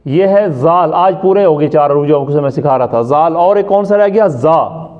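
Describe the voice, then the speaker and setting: A man from Pakistan teaching Quran recitation in class. He drills each sound by repeating it, quizzes his students and keeps checking that they follow. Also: fairly high pitch. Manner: often checks understanding with "ٹھیک ہے؟". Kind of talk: classroom lesson. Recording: muffled lo-fi recording.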